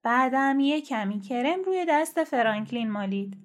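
A woman reads a children's storybook aloud with steady, gentle storytelling. Her voice is high and bright, and her delivery is clear.

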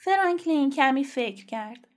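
A woman reads a children's storybook aloud with steady, gentle storytelling. Her voice is high and bright, and her delivery is clear.

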